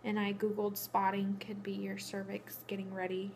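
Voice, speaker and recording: A woman's voice: medium pitch, completely flat delivery, moderate pace, darkish tone, a little hiss or hum. A young pregnant woman, out of breath, rambling through a matter-of-fact casual vlog update. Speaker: vlogger. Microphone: phone camera.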